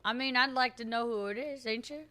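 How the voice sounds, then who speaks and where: A woman's voice: fairly high pitch, brisk, bright, forceful tone. A woman in an in-character western role-play, talking in a brash, teasing way with folksy, ungrammatical speech.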